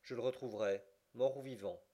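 A man reading an audiobook, voicing a calm, resolute English gentleman who speaks in measured, curt sentences. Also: mid-range voice, close to an everyday voice. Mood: firm.

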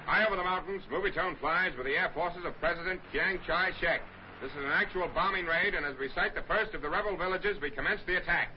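High-voiced man announcing an old newsreel. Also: fast talker. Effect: old newsreel soundtrack. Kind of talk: 1930s newsreel narration. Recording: noisy lo-fi 1930s newsreel audio.

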